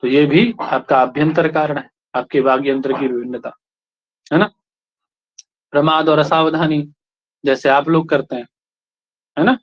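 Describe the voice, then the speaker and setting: A man's voice: a little high, fairly even intonation, a little slow, pauses often. A man from India teaching a class, explaining points and checking in with the students with short questions. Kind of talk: classroom lecture. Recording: lo-fi classroom recording.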